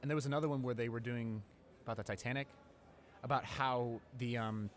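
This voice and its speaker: In a casual audio roleplay, a man plays a friendly, awkward, talkative high school student. His delivery is hesitant, rambling, informal, and lightly acted.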